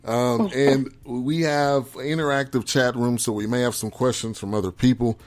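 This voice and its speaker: A man's voice: medium pitch, fairly even intonation, moderate pace. A man hosting a casual interview show, friendly, with loose phrasing and frequent repeats. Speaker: show host.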